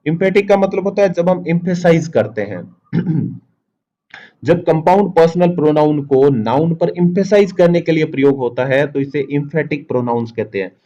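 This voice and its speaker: A man teaches a grammar lesson in a mellow, darkish voice. The recording sounds a little dull and lo-fi. He keeps asking the class questions, answers them himself, and dictates his example sentences slowly and with emphasis. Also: fairly high pitch.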